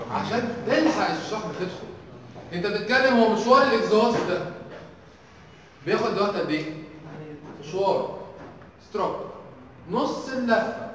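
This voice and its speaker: A man's voice: high voice, a bit bright. A young Egyptian man teaching a university engineering section, constantly firing questions at the class. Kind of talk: university tutorial lecture. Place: large lecture hall. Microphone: distant room mic. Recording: echoey hall recorded from far off.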